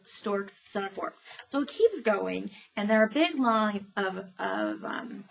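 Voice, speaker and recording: In a dull lo-fi recording with faint noise, a woman with a creaky, mid-range voice casually reviews children's books. She's a public librarian, chatty and informal, using lots of fillers and laughing often.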